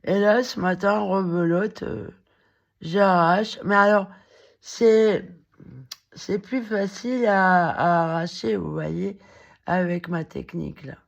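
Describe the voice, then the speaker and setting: A woman with a cracked, hoarse voice, rambling in a halting monologue to the camera, full of fillers and restarts. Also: lowish voice, steady tone, lo-fi sound. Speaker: vlogger.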